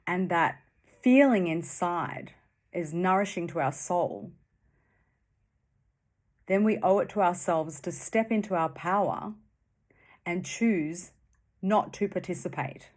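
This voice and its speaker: Soft and soothing, a woman with a somewhat low voice talks listeners through a guided meditation. Long pauses follow each short phrase she speaks.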